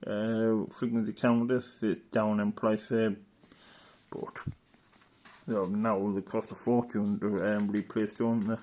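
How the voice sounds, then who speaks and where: A hobbyist presenter with a lowish, dark-toned male voice rambles casually through a show-and-tell. He's matter-of-fact and keeps tacking on tag questions.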